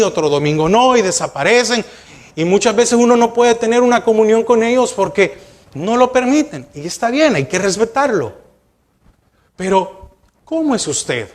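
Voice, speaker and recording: Pastor, male, high voice, preaches with rhetorical questions and direct appeals to the pews. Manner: asks the congregation rhetorical questions; addresses listeners directly, urging them to look and listen. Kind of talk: sermon.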